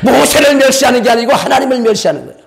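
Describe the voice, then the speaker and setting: A man's voice: very high-pitched, animated, rapid-fire, creaky, a little hiss or hum. A male pastor preaching a sermon in a church, emphatic and dramatic, calling on the congregation to repeat after him. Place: church sanctuary.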